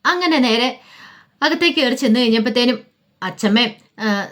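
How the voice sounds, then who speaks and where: A woman's voice: a little high, lively intonation, normal speed, a bit bright. A woman casually retelling a family drama in loose, chatty narration, slipping in fillers and quoted dialogue. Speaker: storyteller.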